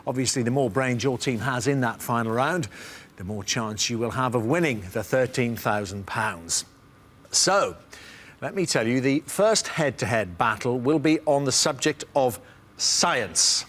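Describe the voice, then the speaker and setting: A man's voice: mid-range voice, lively intonation, measured pace, fairly bright tone. A man hosting a television quiz show, announcing in an upbeat, theatrical way. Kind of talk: studio game-show presenting.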